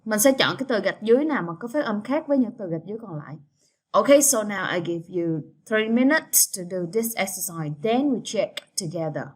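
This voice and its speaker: A woman's voice: mid-range voice, lively intonation, a little fast. A woman teaching an English lesson, switching between languages and drawing out model words for students to repeat. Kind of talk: bilingual classroom lesson.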